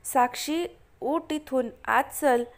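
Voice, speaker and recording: A woman's voice: sits high, slow. A woman voicing a playful, teasing young husband in a spoken story. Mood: soothing. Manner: gentle, teasing.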